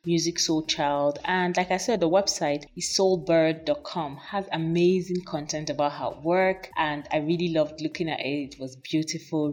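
A woman's voice: sits low, a little mellow. A woman casually reviewing a song she loves, talking with gushing enthusiasm. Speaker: music reviewer.

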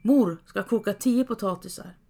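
A woman voicing a clever, stubborn young peasant girl who speaks in a bright, insistent way. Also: medium pitch, gravelly.

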